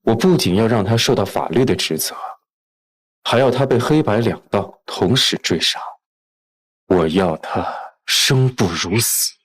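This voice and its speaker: An actor playing a ruthless young tycoon who speaks calmly and coldly, with quiet menace. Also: male voice, fairly low pitch, measured pace, husky, rough recording. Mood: menacing. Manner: calm, cold and menacing.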